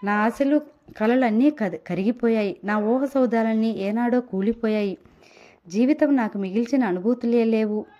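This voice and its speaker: Woman doing a lonely hurt wife, tearful, yearning, audio story, higher voice, dull lo-fi sound. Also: moderate pace, warm tone, natural voice.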